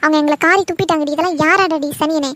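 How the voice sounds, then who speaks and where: A woman voicing an angry, scolding middle-aged mother in a cartoon drama, shrill and bitter. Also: steady tone, fast talker, fairly bright tone, no room sound. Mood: furious. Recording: background music under voice.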